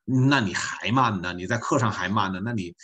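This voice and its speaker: A man's voice: fairly low pitch, fairly quick, fairly bright tone, slight background noise. A man teaching an online French class, folksy and joking, repeating his points.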